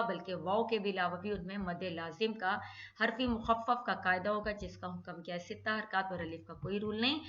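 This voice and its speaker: A woman gives a tajweed lesson in a bright, forceful voice. She asks herself questions, answers them, then recites each letter pair long and drawn out. The recording is dull and echoes around the room. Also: mid-range voice. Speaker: Quran recitation teacher. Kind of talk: tajweed lesson in Hindi-Urdu.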